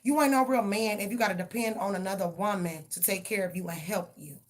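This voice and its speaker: A woman's voice: mid-range voice, a little fast. A woman giving a live tarot reading and ranting bluntly, with heavy profanity. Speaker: tarot reader.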